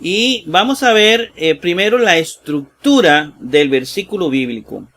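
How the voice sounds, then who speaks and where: Man, Bible teacher, slow drawn-out delivery, fairly high voice, halting with fillers, sounds out words syllable by syllable. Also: lively intonation, pushed and bright. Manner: reads out Greek words in pieces, then checks with "¿verdad?". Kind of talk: screen-shared exegesis lesson.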